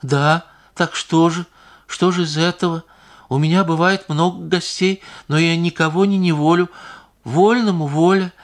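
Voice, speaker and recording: A man's voice: on the high side, fairly even intonation, moderate pace, voice pushed up, natural voice. A man doing a sulky, evasive young singer. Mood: defensive. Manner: defensive and whining. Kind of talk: audiobook character reading.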